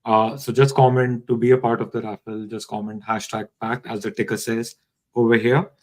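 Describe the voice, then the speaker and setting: A man's voice: medium pitch, level tone, normal speed, a little mellow, low-quality recording. A man hosting a live online session, welcoming viewers and reading out their comments over a video call. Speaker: live-stream host.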